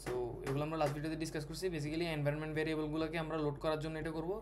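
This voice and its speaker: A man explains code in a casual screen-recorded lesson. His voice sits a little high, and he pauses, fills gaps and restarts phrases as he types. Faint background noise hums under the recording. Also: completely flat delivery. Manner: code-switching, halting with fillers and restarts. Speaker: programming tutor.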